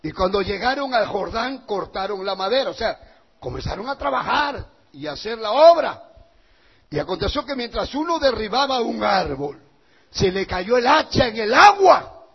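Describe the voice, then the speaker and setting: Male pastor, sermon delivery, very high gravelly voice, fervent. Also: sing-song, normal speed, muffled recording. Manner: fervent preaching, swinging from quiet asides to shouts.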